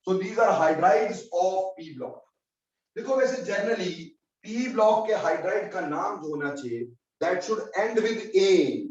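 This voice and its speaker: A man's voice: sits high, expressive, takes it slowly, a little mellow. A man teaching a chemistry class, fondly addressing his students as children and repeating key points, mixing in English terms. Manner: mixes Hindi with English terms. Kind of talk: classroom lecture. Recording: roomy, distant, dull lo-fi classroom recording.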